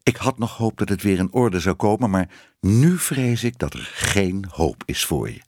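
A man's voice: fairly low pitch, very animated, normal speed, darkish tone, dry recording, studio quality. Guy doing a stuffy old lady cat, hissy and prim, voice swings up and down a lot, storybook. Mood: stern. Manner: hissing, prim and scolding.

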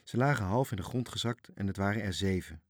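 A man's voice: on the low side, expressive, fast, dry recording, clean studio sound. A man reading a children's story aloud, expressively, voicing the characters. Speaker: narrator.

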